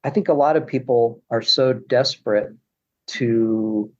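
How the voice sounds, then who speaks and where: A man's voice: mid-range voice, a little slow, lo-fi sound. A man speaking as a podcast guest, rambling casually with many restarts. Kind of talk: casual conversation.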